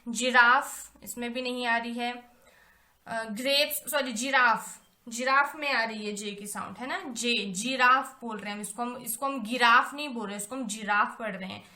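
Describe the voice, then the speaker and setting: Woman, young adult, teacher, bright tone, slow careful reading, echoey room. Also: fairly high pitch. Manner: slow, careful reading of English sentences aloud; repeats points and checks in with "theek hai". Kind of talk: explaining a primary school English lesson.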